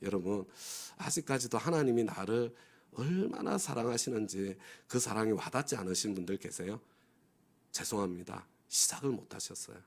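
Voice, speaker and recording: Male pastor with a somewhat low voice; preaches a dawn sermon, has the congregation repeat phrases after him and keeps checking that they agree. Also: lively intonation, normal speed, gravelly, husky. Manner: acts out inner voices of complaining people. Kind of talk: sermon at a dawn prayer service.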